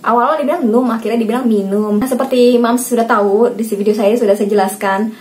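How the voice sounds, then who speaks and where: A woman's voice: on the high side, fairly even intonation, fast, darkish tone. A woman in her thirties, a parenting vlogger from Indonesia, chatting casually to camera, often addressing viewers as Mams and acting out how she talks to her child.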